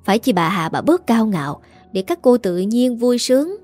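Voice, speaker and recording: A woman narrating a family story in a steady, dramatic telling. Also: a little high, normal speed. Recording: dry, faint music behind.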